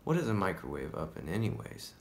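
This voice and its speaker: An actor playing a paranoid young male stoner in a self-tape monologue, rambling and full of "dude" and "man", dropping into whispers and swinging his pitch and volume widely. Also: big pitch swings, brisk, a little hiss or hum. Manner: drops into hushed whispered asides; wildly swinging pitch and loudness.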